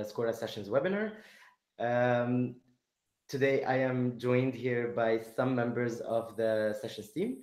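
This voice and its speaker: A man hosting an online webinar, talking with many fillers and pauses. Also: mid-range voice, a little mellow. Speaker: webinar host. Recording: echoey room.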